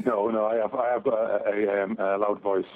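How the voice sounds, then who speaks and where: A man in his 40s from Barnsley, England, appears as a fan guest in a casual phone interview, his voice on the low side with little pitch movement at a moderate pace. He talks hesitantly, with many restarts and ums, over a tinny telephone line.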